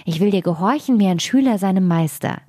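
A woman's voice: medium pitch, expressive, fairly quick, dark tone, no echo, studio quality, lightly acted. A woman reading a fairy tale, voicing a small, meek hare in a raised voice. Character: timid eager little hare.

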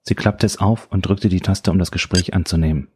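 A man giving steady, measured scripted narration of an audiobook. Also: sits low, slightly rough, no room sound, studio quality, soft background music.

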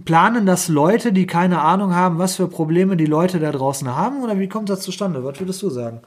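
Animated storytelling man, higher voice. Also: a little fast. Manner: animated storyteller, acts out phone dialogue. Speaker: podcast co-host. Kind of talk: casual chat.

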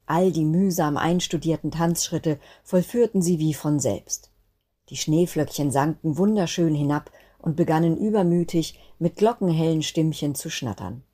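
A woman narrating a Christmas children's story in a gentle, expressive reading manner. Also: sits low, normal speed. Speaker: guest storyteller.

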